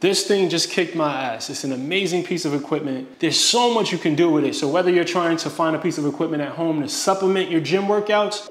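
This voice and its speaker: A man in his thirties, a fitness coach, giving an energetic, slangy sponsored product review in a home gym room. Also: roomy sound. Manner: hyped, slangy, energetic pitch. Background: background music.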